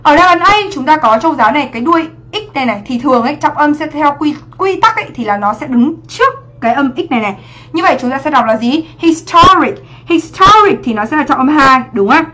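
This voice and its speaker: A woman's voice: high voice, animated, fast, fairly bright tone. A young woman teaching English on a livestream exam review, chatty and checking in with her students often.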